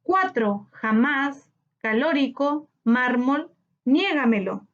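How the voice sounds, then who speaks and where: A woman teacher with a Chilean Spanish accent, slowly explaining a grammar lesson to children and stretching words out syllable by syllable. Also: high voice, lively intonation. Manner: slow, clear, syllable-by-syllable teaching delivery. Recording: slightly dull lo-fi audio.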